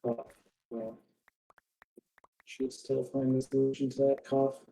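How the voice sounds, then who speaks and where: Slow, level and dark in tone, this medium-pitched streamer still laughs a lot while casually chatting with a gaming buddy. There's grumbling about tech problems, all heard through a robotic voice-chat effect.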